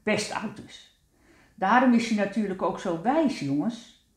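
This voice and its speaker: A woman's voice: mid-range voice, animated, a little slow, natural voice. Lady putting on a caring sing-songy auntie tree, storybook voice, echoey room. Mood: kind. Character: kind motherly aunt tree, warm and caring.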